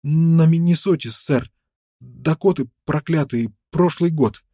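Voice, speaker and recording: A man's voice: fairly high pitch, takes it slowly, dark tone, no room sound, clean studio sound, voice pushed up. A man voicing a fawning toothless trader. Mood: pleading. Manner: stammering, pleading, ingratiating. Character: toothless, fawning, worn-out male fur trader.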